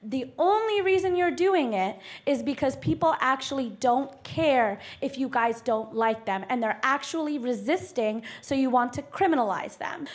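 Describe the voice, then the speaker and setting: A young woman with an American accent and a very high voice rants in public. She is accusatory and threatening, like an activist speaking out at a council meeting.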